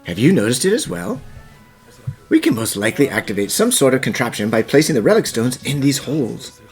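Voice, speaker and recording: A man voicing a calm, gentlemanly professor who explains puzzles politely and thoughtfully in an animated fan dub. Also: mid-range voice, fairly quick, slightly rough, soft background music. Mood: thoughtful, explaining.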